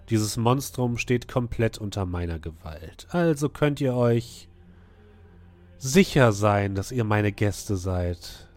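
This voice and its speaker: A man voicing a smiling, menacingly gracious female ruler with slow, formally courteous speech in a tabletop game. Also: fairly low pitch. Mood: gracious menace.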